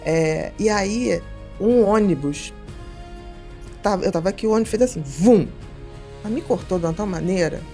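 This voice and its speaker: A middle-aged woman, a psychiatrist telling stories in a casual podcast conversation, lively and acting out the people she quotes. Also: medium pitch, normal speed, faint music behind. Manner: animated storyteller, acts out quoted voices. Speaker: psychiatrist guest.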